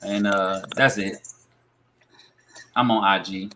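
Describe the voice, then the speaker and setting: Blunt, bright-voiced man cutting in. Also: on the low side, steady tone, slow pace, a little hiss or hum. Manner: loud, blunt, jumps in with exclamations. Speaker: podcast co-host. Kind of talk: casual group chat.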